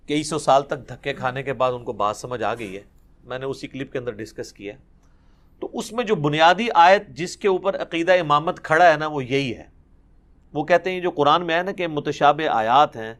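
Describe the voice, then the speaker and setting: A man teaches a Quran commentary lesson. His voice sits fairly high, and he explains each point emphatically, breaking into recited Arabic verses between his explanations. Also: fairly bright tone.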